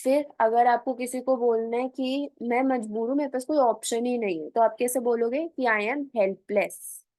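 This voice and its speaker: A woman with a slightly high voice teaches a spoken English lesson, recorded close and dry with no room sound. She explains in casual Hindi and pronounces each English example phrase slowly and deliberately. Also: steady tone, mellow, no echo.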